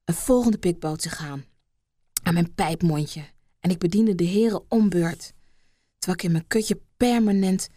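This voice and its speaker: A woman reading an erotic story aloud in a soft, hushed voice that slips into whispers. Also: mid-range voice, dry recording, clean studio sound. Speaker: narrator.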